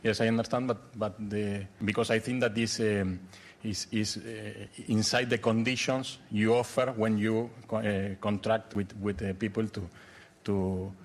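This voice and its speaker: Man, low-ish pitch, audience question, hesitant, halting. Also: flat delivery. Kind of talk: asking a question at a conference.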